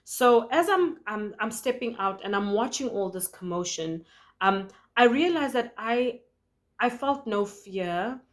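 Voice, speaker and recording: A woman's voice: on the high side, lively intonation, unhurried. Earnest woman sharing a prophetic dream. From South Africa. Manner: earnest, conversational, with frequent fillers and restarts.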